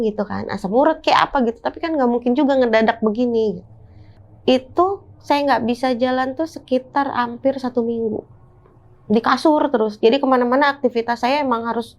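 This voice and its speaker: A woman's voice: fairly high pitch, darkish tone. A woman telling her own ghost story in casual, chatty speech, often addressing the listener directly. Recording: dull lo-fi recording.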